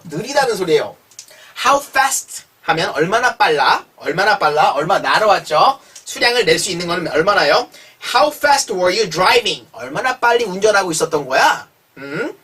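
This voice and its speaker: An English teacher giving a chatty language lesson, reading example sentences slowly and clearly before translating them, with frequent prompts to the learner. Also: mid-range voice, a bit bright. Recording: voice a little distant from the mic.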